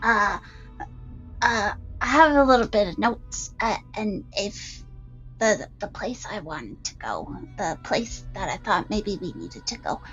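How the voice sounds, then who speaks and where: A woman plays a timid little male adventurer in a tabletop game. The voice falters and swings widely in pitch. The sound is slightly dull, with faint music behind. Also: big pitch swings, a little slow, fairly bright tone. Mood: hesitant, timid. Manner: hesitant, faltering.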